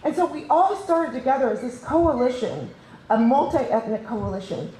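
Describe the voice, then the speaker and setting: A woman's voice: high voice, sing-song, normal speed, warm tone, slight background noise. Enthusiastic woman welcoming a summit audience. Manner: enthusiastic, chatty, laughs often. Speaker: conference host. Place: large conference room. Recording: echoey event room, faint ambience.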